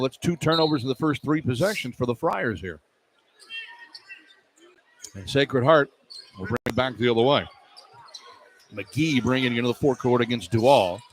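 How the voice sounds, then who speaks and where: The recording is rough, but the medium-pitched man is plainly doing live radio commentary on basketball. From courtside in an indoor arena he rattles off clipped running phrases, rising with excitement on key moments as arena sound fills the background.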